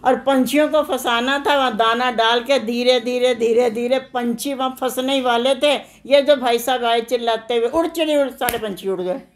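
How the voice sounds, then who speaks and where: A woman's voice: on the high side, fairly even intonation, normal speed, hardly any pauses. A woman preacher with a north Indian Hindi accent gives a devotional discourse, telling a story with chanted refrains and acted-out quotes.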